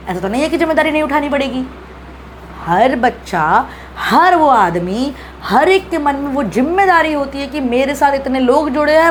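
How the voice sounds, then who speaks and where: A woman's voice: high-pitched, a little hiss or hum. A woman from Bihar, India, giving a heated, indignant reaction rant full of swearing. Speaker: social media creator.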